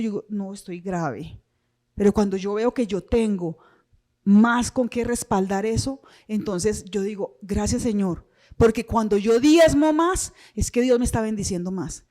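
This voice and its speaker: A woman's voice: a little high, warm tone. A woman with a Colombian accent, a pastor teaching a church finance seminar in a preachy, personal way and acting out little dialogues.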